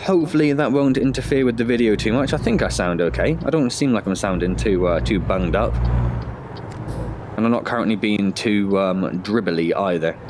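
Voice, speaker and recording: A man with a slight head cold hosts his own gaming channel, casually thinking aloud while playing a driving game in a let's-play. His lowish voice moves at a normal speed over a noisy background, and he's chatty, tossing in self-deprecating asides.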